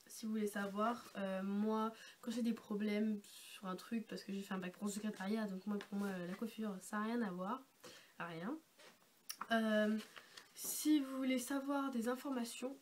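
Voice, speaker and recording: A young woman with a fairly high voice, stuffed up from being sick, chats casually to her viewers. She explains things informally and rambles a little. There is faint noise in the amateur home recording. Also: a little mellow. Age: young adult. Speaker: vlogger. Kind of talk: casual, chatty vlog explanation. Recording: noisy amateur home-video sound.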